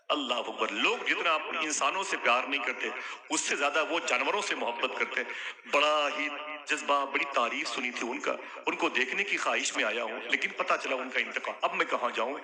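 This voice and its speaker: A man preaching a storytelling sermon with deep feeling, his voice sitting at an ordinary pitch. He builds toward loud, high calls to the listeners, and a gathered crowd is clearly heard around him. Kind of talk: Urdu religious sermon with storytelling. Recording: live recording with a crowd. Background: audience crowd clearly heard.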